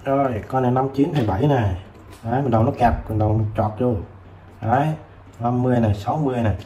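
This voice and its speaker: A man's voice: medium pitch, fast, warm tone. Chatty man demoing old meters. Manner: chatty, fills with "đấy" and "rồi". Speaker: used tool seller. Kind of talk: casual product demo. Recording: roomy with faint background noise.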